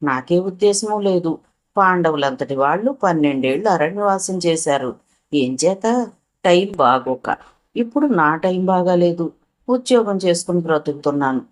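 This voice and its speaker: Wry, evasive young driver, read by a woman; dry teasing, low-set voice. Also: lively intonation, normal speed, close to an everyday voice. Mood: pleading.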